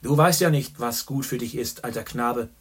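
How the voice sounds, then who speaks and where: A man voicing a boisterous, worldly middle-aged journalist who talks loudly and boastfully. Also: mid-range voice, moderate pace, husky, natural voice. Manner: loud, hearty and boastful.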